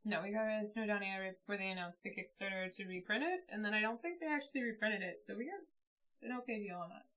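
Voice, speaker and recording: A woman's voice: medium pitch, fast talker, pushed and bright, slight background noise. A woman streaming a board game, chatting casually and thinking aloud as she plays.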